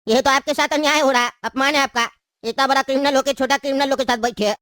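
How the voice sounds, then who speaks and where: Woman as an old sharp-tongued uncle in a cartoon: high, rapid, dry sound. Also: steady tone, no echo. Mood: needling. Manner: scolding and needling. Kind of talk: cartoon voice acting.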